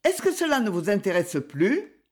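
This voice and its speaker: A woman voicing a fragile, nervous young society woman who is bright, eager and easily startled, in an audiobook reading. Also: mid-range voice, big pitch swings, moderate pace.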